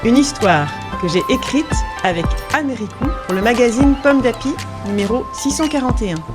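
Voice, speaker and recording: A woman reading a children's story aloud with expressive, dramatic storytelling. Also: fairly high pitch, normal speed, over music.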